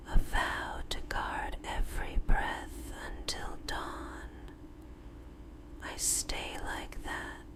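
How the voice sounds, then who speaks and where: A woman in a whispered role-play as a tender, devoted girlfriend, speaking soothingly in a breathy, unvoiced whisper with drawn-out pauses. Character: tender, devoted girlfriend lulling her lover to sleep.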